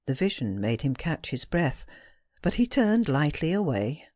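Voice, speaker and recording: A mid-pitched audiobook narrator reads classic fiction from a script, expressive and tender, with a dramatic storytelling feel. The pace is a little slow, and the sound is very dry and close with no room sound.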